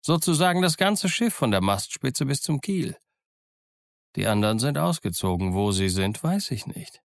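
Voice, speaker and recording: A man voicing a cunning, genial yet menacing old male pirate in an audiobook, with a gruff, folksy, wheedling way of talking. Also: medium pitch, very animated, normal speed, no echo. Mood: gruff, sly. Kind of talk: audiobook character voice. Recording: dry close studio sound.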